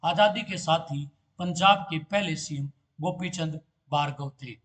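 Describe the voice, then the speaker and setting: A man's voice: fairly high pitch, unhurried, a bit bright. Man teaching with self-answered questions. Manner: asks a question and answers it himself, "ठीक है" filler. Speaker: competitive exam teacher. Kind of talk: exam-prep lecture.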